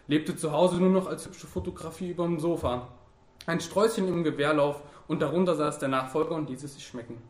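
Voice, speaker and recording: A man narrating a novel in a grave, measured way. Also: a little high, roomy sound. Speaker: audiobook narrator. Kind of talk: scripted narration.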